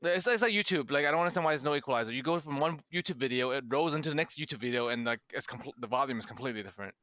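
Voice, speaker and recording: Casting: young male co-host from Hong Kong, native Cantonese speaker, bright and punchy, swears freely. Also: mid-range voice, rapid-fire, no echo. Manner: animated, swearing, frequent restarts. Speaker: podcast co-host. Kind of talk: casual chat.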